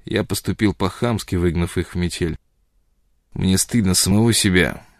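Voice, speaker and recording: A man's voice: low-pitched, moderate pace, no echo, studio quality. A man reading an earnest young engineer. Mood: ashamed.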